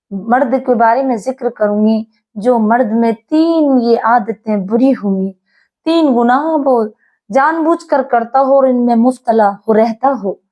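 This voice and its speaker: A woman's voice: on the high side, mellow. A woman preacher giving an earnest religious sermon, telling a story and addressing listeners as dear brothers.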